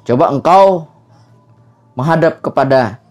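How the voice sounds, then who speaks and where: A man's voice: on the high side, lively intonation, unhurried, a little mellow, soft background music. A man voicing a stately male prime minister of a royal court in a folk theater style, with formal, elevated speech and rising intonation. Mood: commanding.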